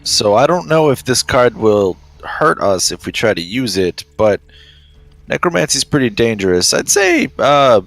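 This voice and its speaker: A man's voice: medium pitch, huge pitch swings, a little slow, gravelly, a bit bright, no room sound, soft background music. A man chatting casually as a player in a tabletop role-playing game.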